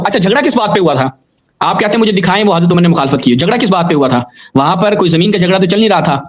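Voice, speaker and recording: A man arguing his case in a religious debate, insistent and pressing, reciting Arabic quotations at a steady clip. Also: high voice. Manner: insistent, argumentative, quotes Arabic texts. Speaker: debate guest.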